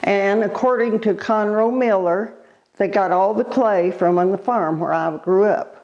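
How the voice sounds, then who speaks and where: An elderly woman reminisces in an interview in a halting, unhurried way, pausing as she recalls. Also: mid-range voice, darkish tone, dull audio. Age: elderly, born 1936. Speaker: oral history interviewee.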